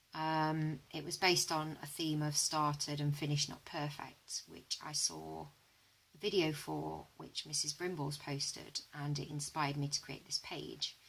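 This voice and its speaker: Hoarse woman chatting thru her art journals, low gravelly voice, lots of ums. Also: low-quality recording. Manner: relaxed, chatty, with frequent ums. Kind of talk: casual flip-through narration.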